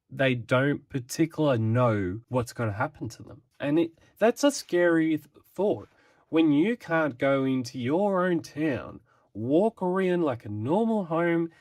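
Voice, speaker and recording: A man talks through a comic book review in a loose, rambling way, often restarting his sentences. He speaks slowly at a mid pitch. The sound is dry and close, with little room in it. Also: no echo. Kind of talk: casual spoken review.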